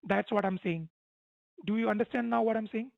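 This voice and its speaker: Posing as a tech support agent, a phone scammer argues impatiently and insistently, repeating himself. His high, creaky voice moves fairly quickly with no echo. The call sounds dull, with faint music in the background.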